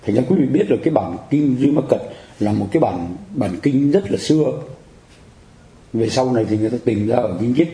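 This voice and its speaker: A man's voice: medium pitch, mellow, reverberant. A man teaching a Buddhist lecture, explaining terms patiently and often asking the audience whether they follow. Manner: explanatory, repeats phrases, asks the audience for agreement. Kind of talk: dharma lecture.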